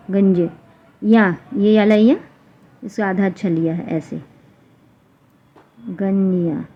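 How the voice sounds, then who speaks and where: A woman teacher explaining a grammar lesson for exam students, repeating example sounds slowly one by one. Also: a little high. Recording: dull lo-fi recording with faint noise.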